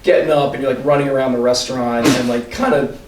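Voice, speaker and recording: A man from Maryland co-hosting a podcast, talking casually in a measured, hedging way. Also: fairly even intonation, darkish tone. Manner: measured, hedging, restarts his points. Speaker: podcast co-host. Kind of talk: casual chat. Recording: roomy echo, far from the mic, faint rumble.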